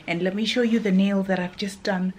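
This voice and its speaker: In an echoey hotel room with a faint background hum, a woman in her thirties records a casual skincare review on a camera held at arm's length. She's a beauty vlogger who isn't a native English speaker, talking earnestly and restarting often. Her medium-pitched voice moves a little fast, with fairly even intonation.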